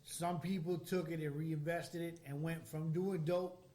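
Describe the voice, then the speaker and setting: A man with a fairly high voice chats casually. He explains and tells stories in a loose, informal way, with slang. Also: steady tone, measured pace, warm tone. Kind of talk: casual chat, storytelling.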